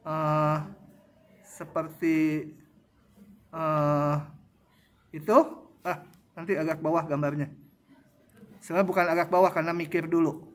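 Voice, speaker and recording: A man's voice: sits high, fairly bright tone. A male lecturer giving a university math tutorial, drawing graphs while he explains and quizzing students with short questions. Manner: slow, thinking aloud with fillers.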